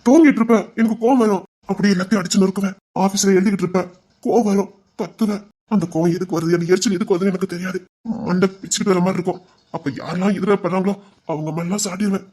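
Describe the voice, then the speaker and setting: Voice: mid-range voice, steady tone, very fast, warm tone, lightly acted. A voice actor playing a young husband who earnestly confesses his past temper in an audio drama. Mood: confessing. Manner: earnest, confessional, then teasing. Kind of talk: Tamil audio drama acting.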